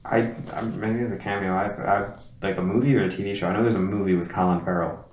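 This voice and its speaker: A man's voice: on the low side, steady tone, quick pace, a crowd in the background. A man co-hosting a casual movie chat, dry and offhand, often trailing off into mumbles. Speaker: podcast co-host. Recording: echoey room with faint noise.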